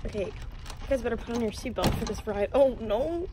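A teenage girl with a fairly high, very animated voice, chatting and joking as she vlogs a shopping trip. She speaks into a phone held at arm's length inside a big store. Faint store noise sits behind her. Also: brisk. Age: teens. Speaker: vlogger. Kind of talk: casual shopping vlog chat. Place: large retail store, indoors. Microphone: handheld phone at arm's length.

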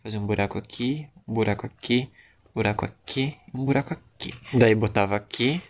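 A man's voice: fairly low pitch, a little fast. A man with a Rio Grande do Sul accent giving joking, crude, jittery Let's Play commentary from home. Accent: southern Brazilian, Rio Grande do Sul. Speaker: gaming YouTuber.

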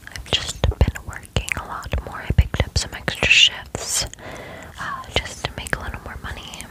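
A woman in her twenties whispering softly as if telling a secret, in ASMR chit chat very close to a microphone, repeating words for effect. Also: moderate pace, poor audio. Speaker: ASMR video host. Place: small bedroom, on the bed. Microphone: large desk microphone, very close.

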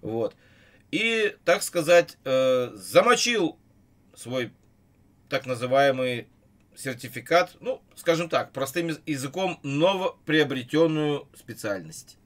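A man in a relaxed stream chat, his voice sitting a little high and swinging widely in pitch as he jokes and tells stories. He plays the easygoing host, talking his partner down when things heat up. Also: slow pace. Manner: joking, storytelling, calms his partner down. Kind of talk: casual chat. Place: lives in Canada.

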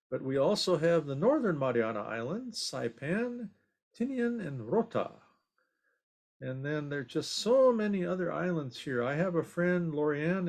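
A man's voice: a little high, vocal fry, darkish tone. An older man from Long Beach, California, teaching an online ukulele class over a video call, friendly and upbeat as he talks to his students. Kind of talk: online class, singing then explaining. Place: home room at desk. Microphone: video call webcam.

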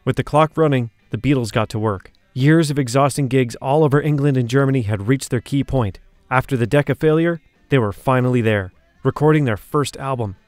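A man's voice: medium pitch, a little fast, a little mellow, no echo. A man reading a scripted documentary narration, shifting his emphasis from phrase to phrase.

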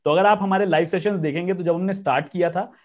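A male exam coach, his voice sitting notably high for a man. He explains in an earnest, teacherly way, mixing Hindi and as he thanks and advises. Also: fast talker. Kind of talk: interview in Hindi mixed with English.

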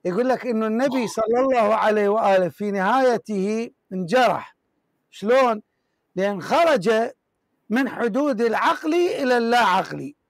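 A man moderating a religious debate, brisk and informal, handing out turns. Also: sits high, expressive, no echo.

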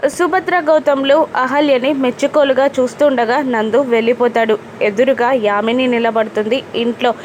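A woman retelling a TV serial episode in a steady storytelling manner, with occasional filler sounds. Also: high voice, normal speed, a little hiss or hum. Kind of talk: narrated TV serial recap.

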